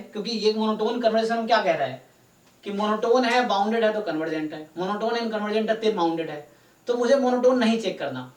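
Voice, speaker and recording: A man teaching a live online math class, explaining step by step and often checking in with his students. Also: high-pitched. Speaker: statistics teacher. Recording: roomy echo, distant mic.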